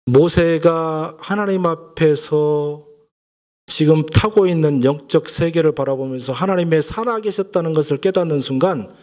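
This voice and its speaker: Storytelling pastor preaching a lively sermon. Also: male voice, a little high. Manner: lively storytelling with rhetorical questions to the congregation. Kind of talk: Sunday sermon.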